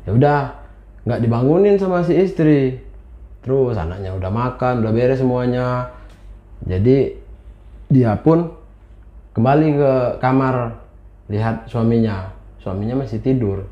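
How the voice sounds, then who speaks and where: A man's voice: medium pitch, lively intonation, unhurried, pauses often. A man casually narrating a horror story in short phrases, acting out the quoted lines. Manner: acts out quoted speech, many short phrases. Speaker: storyteller guest. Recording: roomy, dull lo-fi sound.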